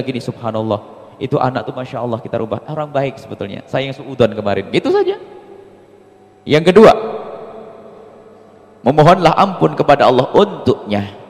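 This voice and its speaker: A man preaching a sermon, animated, rising to loud emphasis and dropping to low asides. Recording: long reverb of a hall.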